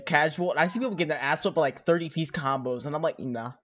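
A man's voice: on the high side, very fast, a bit bright. A young man hosting a casual podcast with friends, rambling with lots of filler words and frequent laughs. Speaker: podcast host. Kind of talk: casual chat among friends.

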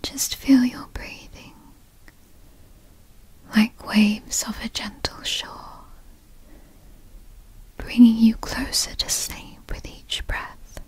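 A woman's voice: a little high, fairly even intonation, drawn-out words, pauses often, darkish tone, husky, heavily acted. A woman playing a tender, motherly girlfriend in a whispered role-play, speaking in an intimate, soothing whisper for sleep ASMR.

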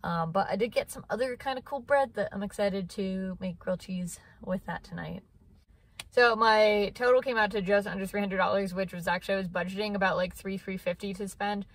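A woman in her thirties, mid-range and brisk, chats casually into her phone camera, held at arm's length, while sitting in her parked car. She's a vlogger, and this casual vlog chat rambles along with plenty of fillers.

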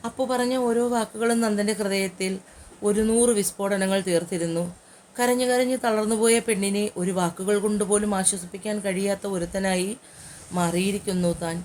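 A woman narrating a romantic novel with an emotional, measured reading. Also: mid-range voice, a little mellow, a little hiss or hum. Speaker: audiobook narrator. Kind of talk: dramatic storybook narration.

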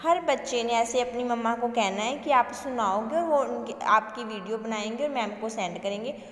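A woman's voice: fairly high pitch, normal speed, fairly bright tone, roomy sound, big-room sound. A woman kindergarten teacher giving a phonics lesson to young children, repeating letter sounds and words in a patient drill. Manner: drills letter sounds with repetition, addresses kids as beta.

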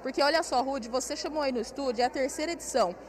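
A woman in her thirties with a Brazilian Portuguese accent and a high voice races through a live TV field report from an indoor craft fair. Holding a station mic, she chats, walks and points as she guides viewers around, with crowd noise behind her.

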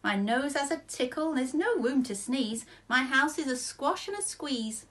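Woman playing a shrill, flustered little old lady. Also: animated, a bit bright. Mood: distressed. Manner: exclaiming, pleading, drawn-out delivery.

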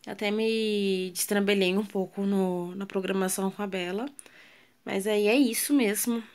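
A woman's voice: mid-range voice, fairly even intonation, normal speed, darkish tone. A woman with a Brazilian Portuguese accent, a home vlogger and mother, casually narrating her kitchen cleaning and chatting with viewers. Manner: chatty, asks viewers questions, trails off with fillers.

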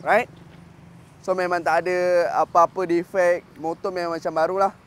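A man's voice: high-pitched, flat delivery, moderate pace, a bit bright, slight background noise. A man in his thirties with a Malaysian Malay accent, giving an upbeat sales walkthrough of a motorcycle outside a shop. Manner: upbeat salesman patter, mixes in English fillers. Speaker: motorcycle dealer. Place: outdoor parking lot of a motorcycle shop.

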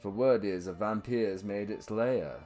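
A man voicing a rough, scheming male thief with a northern English accent, reading out his letter home. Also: on the low side, measured pace, mellow, faint music behind, lightly acted. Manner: coarse, conspiratorial letter-reading.

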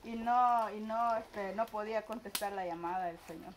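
A woman's voice: medium pitch, normal speed, a little hiss or hum. A middle-aged woman, chatting and telling stories with laughter while cooking outdoors with family. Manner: animated storyteller, laughs a lot. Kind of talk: casual family chat. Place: outdoor backyard cooking area. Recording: lively family chatter in the background.

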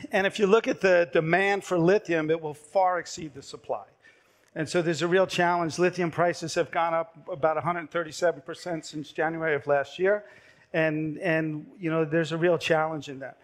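A middle-aged startup presenter pitches his company through a headset mic on a large, dark conference stage. His voice, a little high for a man, grows hoarse as he goes, since he is losing it. His delivery is brisk and persuasive like a sales pitch, with an occasional filler.

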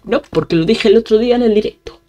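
A woman's voice: on the high side, fast talker, warm tone. A woman with a Spain Spanish accent giving casual, playful gameplay commentary, chatting to her viewers and muttering little sound effects as she plays. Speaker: gaming channel host.

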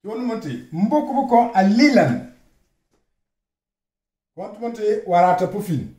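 Speaking in a high, animated voice, a male language teacher works through a slow lesson, saying every word more than once and spelling it letter by letter. A noticeable echo fills the room.

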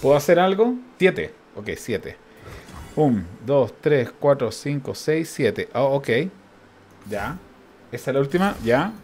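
A man with a Chilean accent giving casual gameplay commentary as a streamer, thinking aloud, counting out loud and chuckling often. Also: medium pitch, big pitch swings, slow, a little hiss or hum.

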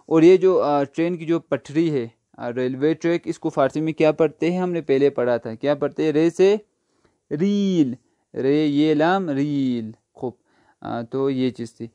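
A man's voice: on the high side, warm tone, clean tone, no echo. A man teaching an online language lesson, patiently asking what each word is, answering it himself and spelling it out letter by letter. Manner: patient, asks a question then answers it, spells words letter by letter.

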